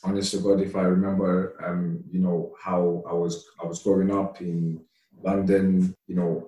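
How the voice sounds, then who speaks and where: A man from Somalia, a podcast guest, telling stories from his childhood in a relaxed, chatty way with lots of laughter and fillers. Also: low-pitched. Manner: relaxed, laughs often, many "you know" fillers. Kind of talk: casual storytelling. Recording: roomy, distant mic.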